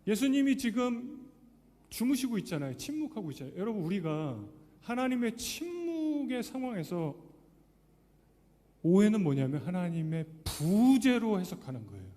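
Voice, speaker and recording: A man's voice: high-pitched, big pitch swings, moderate pace, warm tone, big-room sound. A male pastor preaching a sermon, acting out the voices of doubting believers as he goes. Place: church sanctuary.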